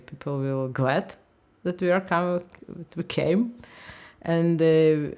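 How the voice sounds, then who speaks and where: A woman in her fifties from Ukraine, speaking English, talks haltingly in a candid interview and often searches for words. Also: low voice, darkish tone, clear, resonant tone. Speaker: interviewee, language teacher.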